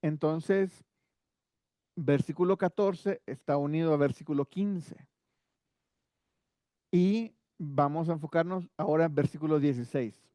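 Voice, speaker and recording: Slow, mellow-voiced male Bible teacher. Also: a little high, no room sound, studio quality. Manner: conversational, rhetorical asides, repeats words while thinking. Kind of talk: Bible study lesson.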